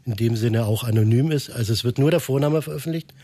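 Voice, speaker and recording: A man's voice: medium pitch, quick pace, mellow, breathy edge, dry recording. A man from Berlin, a photographer, answering a radio host's questions in an earnest, thoughtful way as he searches for words. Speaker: photographer, studio guest. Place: radio studio.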